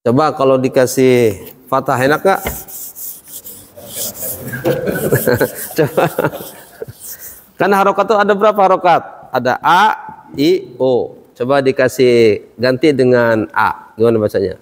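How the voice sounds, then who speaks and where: A man's voice: medium pitch, measured pace, pauses often, slight background noise. A man teaching a class, explaining step by step and quizzing his students. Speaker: Quran recitation teacher. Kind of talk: classroom lesson. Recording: long reverb hall.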